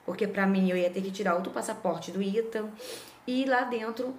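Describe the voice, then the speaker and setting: Brazilian woman, casual vlog storytelling, mid-pitched voice, echoey room. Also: moderate pace, slight background noise. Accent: Brazilian Portuguese. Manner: chatty, lively, frequent "né?" tag questions. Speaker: vlogger; mother.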